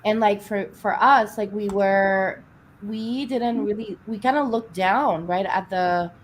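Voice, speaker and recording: A woman's voice: mid-range voice, slight background noise, rough recording. A woman from Venezuela in a casual group chat, speaking reflectively with frequent restarts. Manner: halting, restarts often, reflective. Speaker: chat participant.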